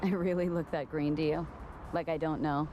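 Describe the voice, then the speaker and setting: An actress playing a tough, nonchalant young mercenary in a video game, dry and casual. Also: female voice, low-pitched, fairly even intonation, normal speed, noisy background, natural voice. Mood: dry, unfazed. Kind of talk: video game character dialogue.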